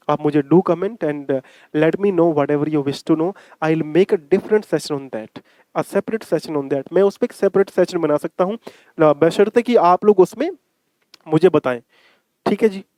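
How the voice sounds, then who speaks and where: Guy teaching grammar, kinda high voice, dry close sound, keeps asking if u got it. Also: a little mellow, no room sound. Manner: coaxing, repeats points, asks 'ठीक है?' often; slow drawn-out English example sentences. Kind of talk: exam-prep grammar lesson in Hindi with English.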